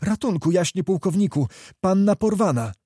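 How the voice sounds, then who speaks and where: Guy doing a frantic steward yelling for help, pitched way up, dry recording. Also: very animated, normal speed, no room sound. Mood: panicked. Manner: shouting, breathless urgency. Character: panicked male estate steward, frantic messenger.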